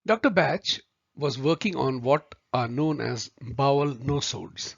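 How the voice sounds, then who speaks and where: A man teaching a video lesson, speaking deliberately and addressing viewers as friends. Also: mid-range voice, lively intonation, gravelly, husky, no room sound. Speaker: homeopathy tutor. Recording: dry, slightly muffled recording.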